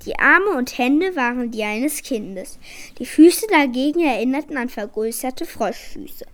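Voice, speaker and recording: A woman reading a children's book aloud in a clear, even storytelling manner. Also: sits high, measured pace. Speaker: reader.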